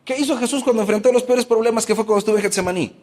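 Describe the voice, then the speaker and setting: A man's voice: high-pitched, racing, a little mellow, long reverb tail. A man preaching a sermon as pastor, asking his congregation many questions and acting out everyday complaints.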